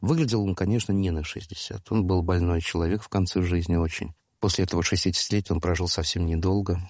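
A man in his sixties telling a story in a conversational, digressive way, with halting restarts. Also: low-pitched, steady tone, a little mellow, no room sound, studio quality. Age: 60s. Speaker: storyteller guest.

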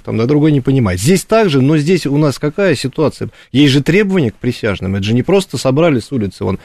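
A man's voice: medium pitch, mellow, dry recording, studio quality. Rambling male lawyer on radio. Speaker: lawyer, studio guest. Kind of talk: radio discussion. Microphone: studio microphone.

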